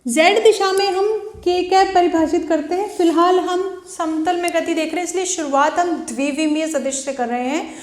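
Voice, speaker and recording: A woman's voice: extremely high pitch, normal speed, hardly any pauses, echoey room. A woman teaching a physics video lecture, asking questions and answering them herself. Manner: asks and answers own questions.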